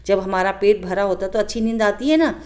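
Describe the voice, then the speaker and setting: A woman teacher explaining a children's story lesson with animated storytelling, turning often to ask her pupils questions. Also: medium pitch, a little fast.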